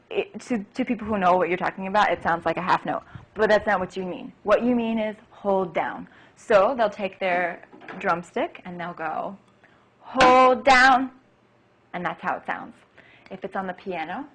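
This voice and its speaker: A woman's voice: mid-range voice, normal speed, slightly rough, low-quality recording. A woman piano teacher explaining beginner lessons for children in an enthusiastic, chatty way. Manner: enthusiastic, chatty, acts out child-friendly phrases. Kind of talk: instructional demonstration.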